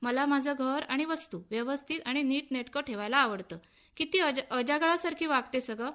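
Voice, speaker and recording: Short-tempered young husband, griping and scolding, read by a woman in a high voice for a radio story. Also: fairly bright tone. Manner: complaining, quick to anger. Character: irritable, egotistic young husband.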